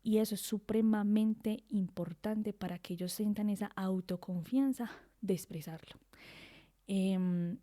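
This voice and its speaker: A young woman talks through parenting advice on her podcast. Her voice is mellow and warm, with a middle pitch, and she often checks in with her listeners in a relaxed, conversational way. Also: a little slow. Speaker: podcast host, psychologist. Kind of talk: informal talk on parenting.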